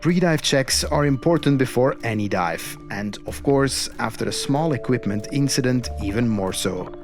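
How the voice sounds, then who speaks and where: A man's voice: mid-range voice, expressive, moderate pace. Reflective male documentary narrator over music. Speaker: host and narrator of a cave diving expedition. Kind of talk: scripted documentary-style narration. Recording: music behind the voice.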